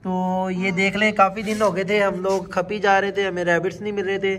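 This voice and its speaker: A young adult man with a Pakistani Punjabi accent vlogs casually to camera outdoors, near roads, brick yards and shops, holding his phone at arm's length. His high, slightly bright voice is flat and brisk, with traffic and ambient sound clearly audible.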